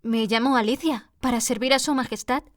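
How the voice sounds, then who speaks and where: A woman's voice: a little high, fairly quick, dry recording, clean studio sound, close to an everyday voice. A woman voicing Alice, a polite but defiant young girl, in a storybook reading. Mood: bold. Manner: courteous yet defiant.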